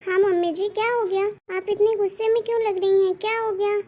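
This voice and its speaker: A woman's voice: very high-pitched, fairly even intonation, brisk, dull audio. A woman voicing a polite, meek young daughter-in-law in a cartoon story. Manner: polite and pleading. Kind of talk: cartoon voice acting.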